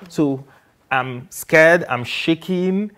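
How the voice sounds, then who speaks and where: A man who is a guest on a book club show, talking in an animated, expressive way and acting out his reactions. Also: fairly high pitch, very slow. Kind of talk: book review conversation.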